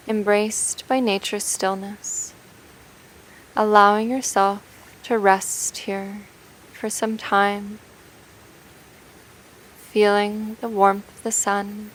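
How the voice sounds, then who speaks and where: Leaving long silences between phrases, a woman with a steady, mid-range voice leads a calm, unhurried guided meditation. The recording quality is poor, with slight hiss or hum.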